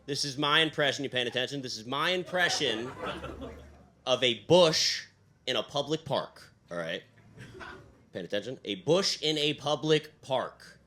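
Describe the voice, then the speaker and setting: A young man working a comedy club stage with a bright, lively voice. His delivery is deadpan and loose, full of fillers and "all right?" tags. A faint hiss of noise sits under the mic. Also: medium pitch, a little slow. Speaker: stand-up comedian. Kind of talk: stand-up set.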